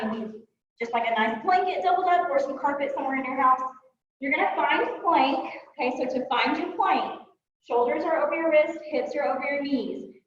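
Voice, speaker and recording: A woman's voice: high voice, a bit bright, a little hiss or hum. A woman fitness instructor cueing a workout class, talking while she moves and sounding a little winded, with frequent fillers. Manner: talks while moving and exercising. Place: fitness studio. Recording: echoey room, distant mic, dull sound.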